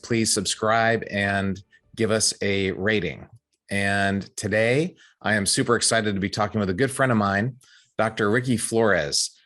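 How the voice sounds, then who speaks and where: A man's voice: on the low side, a bit bright. A man hosting a podcast, introducing a guest and asking questions in an enthusiastic, friendly way. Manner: enthusiastic, friendly, with some restarts. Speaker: podcast host. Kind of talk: conversational podcast interview.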